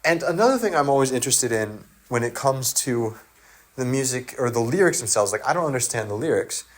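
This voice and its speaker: In a casual solo monologue, a native English-speaking man from an English-speaking country thinks aloud, full of fillers and restarts. He works as a video essayist, and his medium-pitched voice is animated and a little fast.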